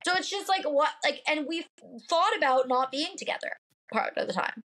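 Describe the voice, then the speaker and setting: A woman in her late twenties from the Pacific Northwest speaks at normal speed in a high, nasal, slightly bright voice. She's a podcast guest chatting casually, upfront and full of fillers.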